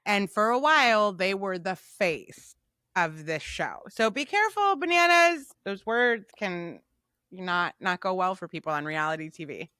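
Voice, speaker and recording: A woman's voice: on the low side, animated, unhurried, pushed and bright, smooth, no echo, clean studio sound. A young woman co-hosting a casual recap podcast, giving emphatic, opinionated takes. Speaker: podcast co-host.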